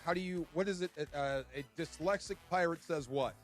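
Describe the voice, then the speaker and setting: A man in his forties co-hosting a casual sports radio show, excitable and laughing often. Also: a little high, brisk, faint music behind.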